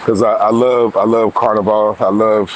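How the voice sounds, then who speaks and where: A man hosting a casual interview, relaxed and joking, often murmuring agreement. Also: on the low side, moderate pace, a little hiss or hum, poor audio. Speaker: host. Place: rooftop, outdoors.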